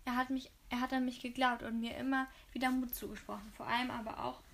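A woman's voice: fairly high pitch, little pitch movement, fast, fairly bright tone. A woman reading the lines of a grieving young female artist, tearful and shaken.

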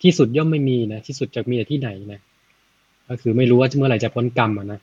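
Male Dharma storyteller, chatty and unhurried, husky tone, dry muffled recording. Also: mid-range voice, a little mellow, no room sound. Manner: chatty, frequent "na" tags, thinks aloud with math. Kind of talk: casual Buddhist storytelling.

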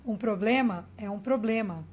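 Brazilian woman reading a measured Zen master. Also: medium pitch, a little mellow, slight background noise, close to an everyday voice. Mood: calm authority. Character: grave, authoritative old male Zen master in a parable. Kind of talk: storytelling.

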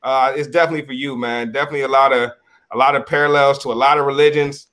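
A man's voice: mid-range voice, fairly even intonation, rapid-fire, a bit bright. A man on a podcast panel chatting casually in slangy talk, repeating phrases for emphasis. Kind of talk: casual chat.

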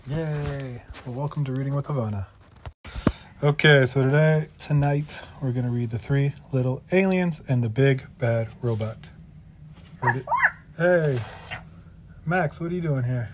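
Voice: medium pitch, unhurried, a little hiss or hum. An adult reading a storybook aloud and chatting with a child, prompting and repeating phrases. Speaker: parent reading a storybook to a child, podcast host. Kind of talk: read-aloud storytelling mixed with casual chat with a child.

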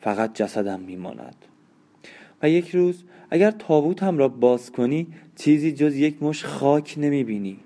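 A man's voice: on the high side, lively intonation, warm tone, pitched above the performer's own voice. A man voicing a dying old woman, bitter and accusing, in an audiobook reading. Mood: mournful.

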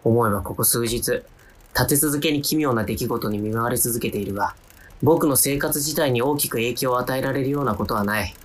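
An actor plays a timid young adult who narrates his own radio drama as an inner monologue, adding wry, self-deprecating asides. His mid-range voice is fairly quick and close to how he'd normally talk.

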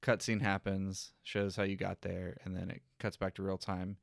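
A man with a lowish, gravelly voice walks through a video game's story in relaxed chat with a friend. He explains scenes step by step and sometimes acts out lines in a much higher voice. The recording is dry and close. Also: normal speed, dry recording. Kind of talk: casual chat about a video game.

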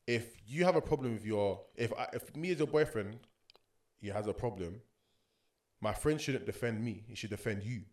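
A man's voice: on the low side, normal speed, darkish tone. A young man with a London roadman accent chatting casually as a podcast co-host, slangy and opinionated. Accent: London, urban roadman slang. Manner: slangy, opinionated, frequent tag questions like a street talker. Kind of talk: casual chat.

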